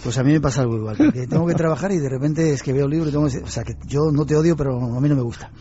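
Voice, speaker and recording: A man's voice: fairly high pitch, very fast, dark tone, slight background noise. A man hosting a radio interview, chatty and informal as he introduces and questions his guest. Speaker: radio host. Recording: dull lo-fi radio broadcast.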